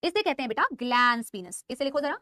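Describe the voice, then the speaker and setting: A woman's voice: high-pitched, brisk, dry recording. A woman teaching biology in a live online class, mixing Hindi with English and calling her students "beta". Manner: scolding yet insisting she is calm.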